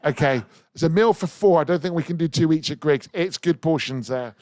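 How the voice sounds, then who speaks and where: A man's voice: on the high side, brisk, dry recording. A man hosting a live radio charity auction, energetically urging listeners to bid. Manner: energetic, urging bids, rising excitement. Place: radio studio.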